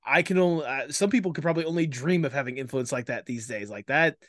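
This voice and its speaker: A man's voice: medium pitch, quick pace, a bit bright, no echo, studio quality. A man hosting a podcast, reacting eagerly to his guest in casual chat and leaning heavily on "like" as a filler. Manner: enthusiastic, filler-heavy with lots of "like". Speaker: podcast host.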